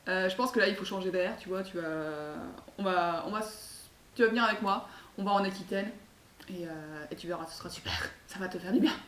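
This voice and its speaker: A woman voicing a worried older abbot who gently lectures and reassures, with many hesitant fillers. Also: on the low side, brisk, natural voice. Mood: fatherly. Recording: echoey room, far mic, faint hiss.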